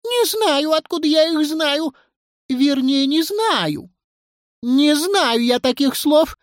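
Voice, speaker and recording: Woman doing a kikimora girl, storybook swamp spirit, very high, squeaky, whiny, lively, dry sound. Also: normal speed, no echo. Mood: flustered. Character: sneezy grumpy young female kikimora pupil.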